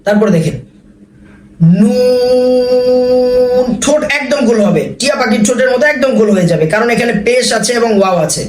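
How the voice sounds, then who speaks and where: A man teaching Quran reading in a recorded lesson, patiently sounding out each letter slowly and repeating it. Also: very high-pitched, animated, roomy sound, far from the mic, rough recording.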